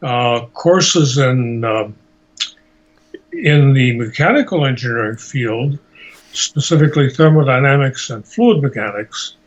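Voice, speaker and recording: A medium-pitched eighty-year-old man, a Holocaust survivor from Slovakia and Hungary who later lived in the United States, tells his life story in an interview. He talks slowly and deliberately, halting as he looks for words. The amateur recording is dull and lo-fi.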